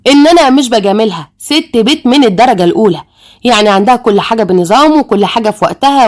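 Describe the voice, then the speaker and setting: A woman's voice: on the high side, lightly acted. A woman voicing a proud, easygoing middle-aged father in an Egyptian accent, speaking plainly and reassuringly.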